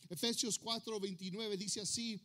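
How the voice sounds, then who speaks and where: A man's voice: high voice, steady tone, normal speed, sharp tone. A male pastor preaching a sermon to his congregation, switching between two languages and asking the listeners questions. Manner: switches between Spanish and English, asks the crowd questions.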